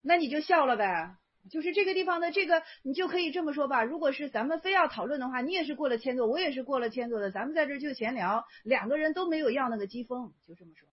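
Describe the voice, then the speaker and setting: In this dull, lo-fi recording, a woman speaks quickly and expressively in a high voice. She is a Buddhist teacher talking through Zen stories in a loose, conversational lecture, full of fillers and repetition.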